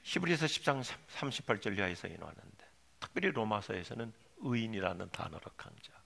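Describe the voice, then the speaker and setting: A male pastor preaching a sermon, dropping to low quiet asides and rising to shouted, pleading cries. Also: expressive, fast talker, vocal fry, husky. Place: church sanctuary.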